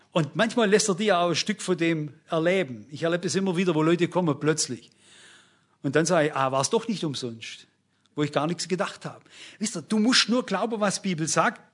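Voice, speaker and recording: A man's voice: high voice, a bit bright. An older man preaching a sermon, emphatic and speaking directly to his congregation.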